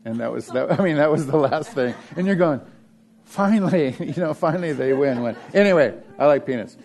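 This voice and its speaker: A man's voice: a little high, brisk, a little mellow. A man preaching a sermon as pastor, telling stories in a chatty, joking way with lots of fillers.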